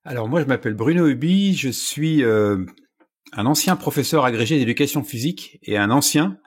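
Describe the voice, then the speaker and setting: A man's voice: medium pitch, expressive, moderate pace, husky. A man in his sixties, a running coach and podcast guest, speaking earnestly and repeating words as he searches for them. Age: 60s. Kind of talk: podcast interview.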